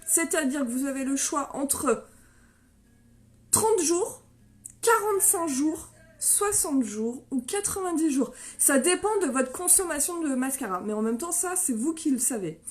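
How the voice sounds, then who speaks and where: A woman in her thirties, chatty and excitable on a live stream, greeting viewers by name while her nose is stuffed up from a sinus infection. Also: sits high, a little slow.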